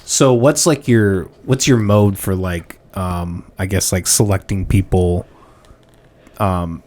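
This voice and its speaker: A man's voice: low voice, slow pace, darkish tone. A man hosting a casual podcast interview, asking rambling, hesitant questions full of fillers. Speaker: podcast host.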